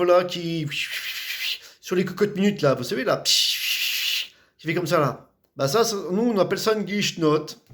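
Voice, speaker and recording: A man from the Vosges with a Vosges French accent, chatting casually about local words, talking in loose repetitive bursts with many fillers. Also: sits high. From Vosges, France.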